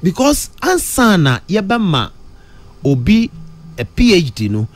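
A middle-aged man with a Ghanaian accent speaks close to a studio mic. His voice swings widely in pitch, jumping high on questions as he switches between Twi and English. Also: huge pitch swings, a little slow, dry recording. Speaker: radio studio guest. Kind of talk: radio studio discussion. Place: radio studio. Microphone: studio mic close to mouth.

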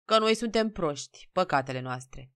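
A woman's voice: mid-range voice, big pitch swings, fairly bright tone, clean tone, no echo, studio quality. A woman voicing a humble, pleading old peasant man in a storybook reading. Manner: pleading, meek.

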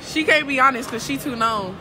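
A woman being interviewed in a mall, brash and blunt, bragging loudly. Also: sits high, a little fast. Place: busy mall. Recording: loud crowd and music.

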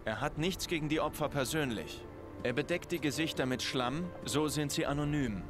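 A man playing a serious, analytical investigator in a dubbed video game, giving a measured, matter-of-fact briefing. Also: fairly high pitch, music in the background, lightly acted. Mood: serious, factual. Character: serious analytical male investigator in his thirties.

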